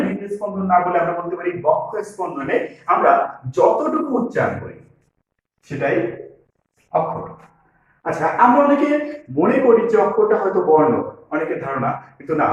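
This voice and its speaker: A man teaching a grammar lesson to students, repeating key phrases slowly as he writes them out. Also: sits high. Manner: repeats key phrases while writing on board. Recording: very echoey room.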